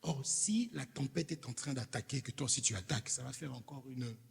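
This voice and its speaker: A man's voice: medium pitch, a little fast, gravelly, slightly rough. A man with a Congolese accent, a preacher delivering an emphatic sermon with rhetorical questions to his congregation in a church hall. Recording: reverberant hall.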